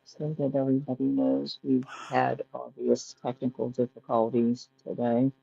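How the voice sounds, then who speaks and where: Muffled co-host, sounds through a wall; very gravelly, dark man, blunt and sweary. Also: medium pitch, completely flat delivery, moderate pace, soft background music. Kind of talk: casual podcast chat. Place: at home lying beside a sleeping baby. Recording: dull muffled lo-fi line.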